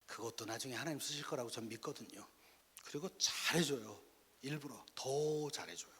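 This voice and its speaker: Husky middle-aged pastor in a reverberant hall. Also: male voice, mid-range voice, moderate pace. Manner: lively storytelling with direct appeals to the audience. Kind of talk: lecture to parents. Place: church worship hall.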